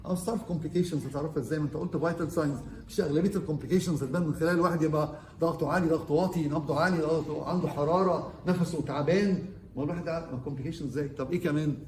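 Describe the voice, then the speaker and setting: Fast-talking Egyptian doctor lecturing interns. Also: male voice, on the high side, a little mellow, reverberant, a little hiss or hum. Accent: Egyptian Arabic. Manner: quizzes the class, switches between Arabic and English medical terms. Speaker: surgeon lecturing medical interns. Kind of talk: orientation lecture.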